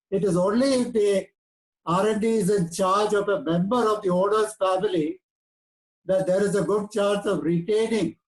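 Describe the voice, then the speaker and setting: Older Indian English speaker, 80s, fairly high voice, steady lecturing delivery. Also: male voice, low-quality recording. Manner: measured, lecturing. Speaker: guest speaker. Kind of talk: prepared talk.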